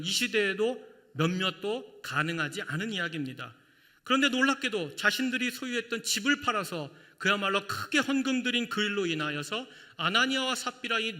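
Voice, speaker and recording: A male pastor preaching a sermon, animated, full of rhetorical questions and acted-out voices. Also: high voice. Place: church sanctuary. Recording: church hall with long reverb.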